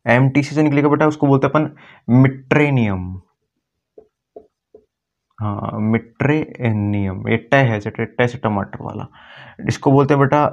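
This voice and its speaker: A man teaching chemistry at a board, often slowing down to repeat key words and calling his students "beta". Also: medium pitch, fairly even intonation, dull audio. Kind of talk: classroom lecture at a board.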